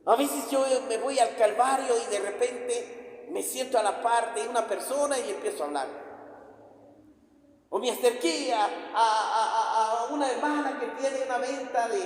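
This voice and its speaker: A high-pitched man preaching, fervent and full of repetitions and restarts. His voice rings through a very echoey hall with a long reverb tail. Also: moderate pace. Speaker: preacher giving testimony. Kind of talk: sermon with personal testimony.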